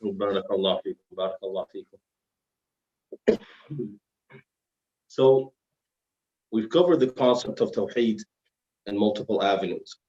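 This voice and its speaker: Speaking on the low side with a warm tone, this man keeps a measured pace and takes long pauses. As a guest lecturer and Islamic scholar, he delivers a formal, explanatory religious lesson in dialogue form, sprinkled with Arabic phrases and marked by slightly slurred, heavy-tongued diction, all over roomy, dull live-stream sound.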